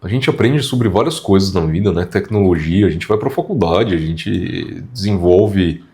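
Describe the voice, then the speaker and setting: A man with a Brazilian Portuguese accent, a podcast co-host in a relaxed, slangy casual conversation who often chimes in with short agreements. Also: low voice, moderate pace.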